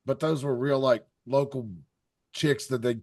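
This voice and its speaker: A man's voice: mid-range voice, fairly even intonation, unhurried, darkish tone. A man on a podcast panel, chatting casually and rambling with hesitant fillers. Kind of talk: casual chat.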